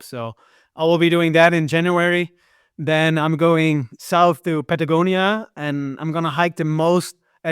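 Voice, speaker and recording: A man's voice: on the high side, smooth, no echo, studio quality. A man from the Netherlands with a Dutch accent tinged with American, telling stories as a guest in casual talk, with many fillers and repeated words. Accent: Dutch, partly American. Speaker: guest filmmaker and hiker. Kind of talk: casual interview storytelling.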